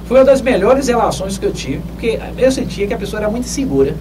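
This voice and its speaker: This older radio host from Northeast Brazil fields listener questions on an advice show, his high-pitched, animated voice measured and lecturing with emphatic rises. He sits in a small, dark studio, heard at a distance through a boom-mounted studio mic, with clear background noise.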